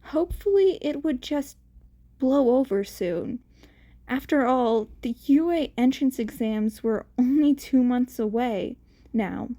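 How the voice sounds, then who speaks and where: Slow, mellow woman reading fanfiction. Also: sits high, expressive. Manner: casual, slightly stumbling reading. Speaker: fanfiction reader. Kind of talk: amateur podfic narration.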